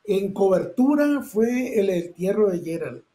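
A middle-aged Nicaraguan man, a photojournalist, telling his experiences vividly in an interview, acting out shouts and sound effects. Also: sits high, lively intonation, unhurried, poor audio. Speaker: photojournalist guest. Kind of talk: personal storytelling interview.

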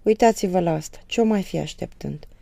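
A gruff, sarcastic village father, as a woman narrator puts him on snaps and mocks in a loud, raised voice. The audiobook reading keeps a gravelly, mellow grain under his scolding. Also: lowish voice, dry recording, voice pushed up. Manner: irritable, mocking. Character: gruff sarcastic middle-aged peasant father.

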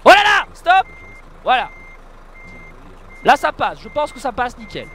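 A man with a high voice that jumps all over the place chats through his gameplay for his viewers. He yelps at near-misses and makes joking, self-mocking remarks about his own blunders. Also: a little slow. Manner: excitable, exclaiming and laughing at his own mistakes. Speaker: video game streamer. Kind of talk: casual gameplay commentary.

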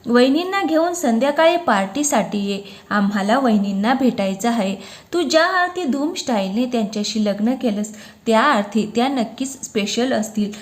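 A woman voicing a boisterous young man who ribs his best friend with loud, friendly scolding. The storybook voice is fairly high and energetic, close to her own narrating tone. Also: moderate pace, natural voice. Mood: bantering.

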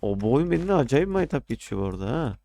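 A man's voice: mid-range voice, very animated, racing, warm tone. A young man casually commenting on his own gameplay, often frustrated, ranting and swearing at the game. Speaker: gaming streamer.

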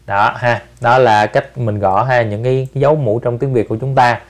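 A man, hosting a relaxed step-by-step app tutorial and softening his phrases with tag particles. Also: medium pitch, a little fast. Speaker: channel host giving an app tutorial. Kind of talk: casual screen-recorded tutorial.

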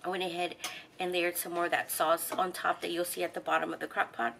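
A friendly middle-aged home-cook host explains a recipe step by step in a lowish, creaky, fairly bright voice, speaking fast with a flat delivery. Her casual instructional narration includes fillers. It's a kitchen recording with light noise.

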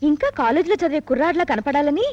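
A woman's voice: high voice, expressive, fast talker, darkish tone, no room sound. An actress playing a young woman who talks to her older sister figure in a coaxing way. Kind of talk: film dialogue. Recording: dull sound with faint music.

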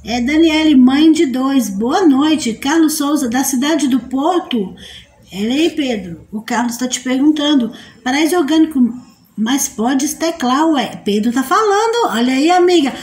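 A woman's voice: high voice, expressive, normal speed, a little mellow. A woman hosting a casual live stream, reading out viewer comments, greeting people by name and teasing them playfully.

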